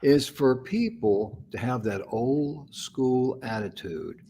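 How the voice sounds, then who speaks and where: A man's voice: medium pitch, animated, takes it slowly, dark tone, slight background noise. A man co-hosting an inspirational talk show, chatting casually in a folksy way and acting out quotes. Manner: folksy, chuckling, acts out quotes. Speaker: co-host and producer.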